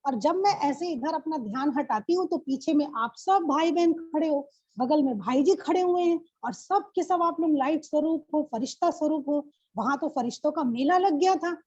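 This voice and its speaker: High-voiced woman telling a spiritual story. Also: moderate pace. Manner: animated, emotive storyteller. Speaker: member sharing a spiritual experience. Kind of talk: personal testimony. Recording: muffled lo-fi recording.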